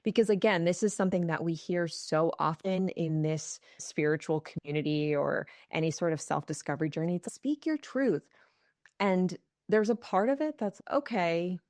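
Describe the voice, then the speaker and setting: A woman's voice: fairly low pitch, darkish tone, dry recording, studio quality. A woman hosting a podcast conversation, earnest and musing, asking open, searching questions. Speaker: podcast host.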